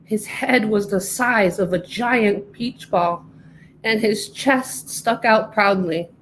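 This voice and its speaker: A middle-aged woman reading her own storybook aloud with clear, careful narration. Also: medium pitch, takes it slowly, fairly bright tone, slight background noise, low-quality recording. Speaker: author reading her book.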